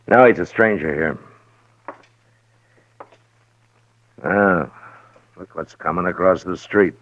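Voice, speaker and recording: An actor playing a firm, skeptical Old West marshal with a dry, probing manner, in old-time radio western style. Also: male voice, low voice, moderate pace, fairly bright tone. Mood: dry, calm. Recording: dull roomy vintage radio recording.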